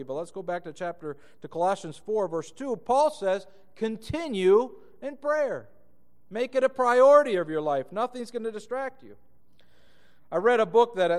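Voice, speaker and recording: A man from Argentina preaching a sermon as a pastor, earnest and emphatic, slowing down to read scripture aloud. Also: high voice, big-room sound.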